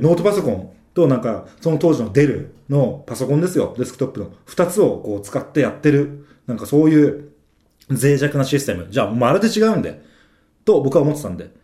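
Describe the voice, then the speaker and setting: A man's voice: mid-range voice, warm tone. A man recounting his own experience as a trader in a casual storytelling monologue, dropping frequent little affirming fillers as he talks.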